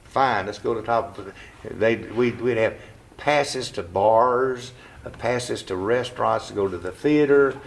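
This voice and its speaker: Speaking in a gravelly, medium-pitched voice, a man in his seventies recounts his life during a casual oral-history interview at home in his living room. He's blunt and plain, curses a little, and repeatedly stalls and starts over with "uh."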